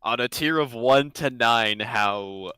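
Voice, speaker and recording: A man's voice: mid-range voice, slow, bright, forceful tone, smooth. A man playing a tabletop game in character, blunt and threatening. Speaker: player.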